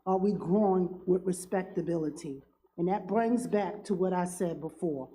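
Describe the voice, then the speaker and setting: A councilwoman with a cold giving earnest, halting closing remarks at a town council meeting, with many pauses and fillers. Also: lowish voice, mellow, rough recording. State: has a cold, cough drop in mouth.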